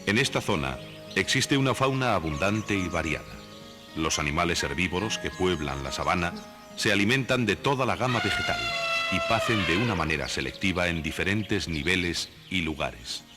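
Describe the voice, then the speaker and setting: Low deep male voice doing nature documentary narration, measured and teacherly, music playing behind. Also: lively intonation. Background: background music.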